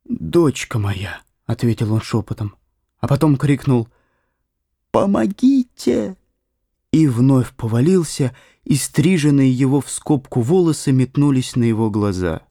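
A man narrating a literary audiobook in a measured, expressive way. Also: medium pitch, no room sound, clean studio sound. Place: studio.

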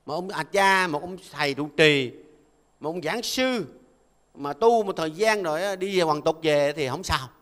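An older Buddhist monk gives a folksy, conversational dharma talk and keeps asking listeners to agree. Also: male voice, a little high, normal speed, fairly bright tone, long reverb tail. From Vietnam. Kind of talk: conversational sermon.

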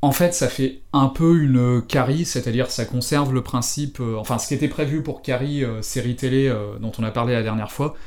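A man's voice: mid-range voice, fairly quick, few pauses. A man co-hosting a podcast on book adaptations, chatting casually with frequent hesitations. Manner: hesitant, many fillers, steady reading. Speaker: podcast co-host. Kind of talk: casual film chat and book reading.

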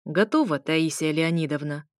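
An unflappable male butler answers in calm, polite, formal tones, as a woman reading the book voices him. The recording is close and dry. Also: low-pitched, moderate pace, no room sound, lightly acted. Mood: composed.

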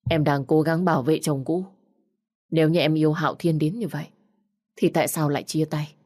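A woman's voice: sits low, steady tone, a little fast, darkish tone. A woman reading the lines of a jealous young man who accuses the woman he loves of still wanting her ex-husband. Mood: angry. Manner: accusing, insistent.

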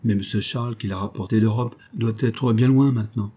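A man's voice: fairly even intonation, brisk, dark tone, natural voice. A man reading as a humble old boatman. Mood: earnest. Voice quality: low voice. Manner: humble, eager to serve. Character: weathered older male boatman, former convict, devoted.

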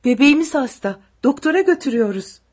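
A woman voicing a frightened father pleading loudly. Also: sits high, animated, fast talker, pitched above the performer's own voice. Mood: desperate pleading. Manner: loud desperate pleading. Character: frightened young father clutching his sick baby.

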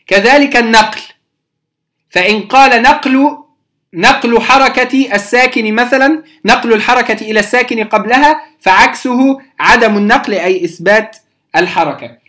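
A teacher walks beginners through recitation rules in a measured, patient way. Key terms come back again and again, with small hesitations along the way. Every so often the teacher stops to ask the class whether it is clear. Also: medium pitch, a bit bright. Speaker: teacher of Quranic readings. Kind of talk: beginner lesson explaining rules.

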